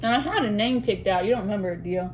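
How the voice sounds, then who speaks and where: A woman with a medium-pitched voice chats casually while eating soup, in the relaxed talk of a mukbang host. Cutlery and dishes clink in a noticeably noisy recording, and she pauses now and then to clear her throat. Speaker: vlog host reading out questions. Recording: noticeable room noise with dish and cutlery clatter.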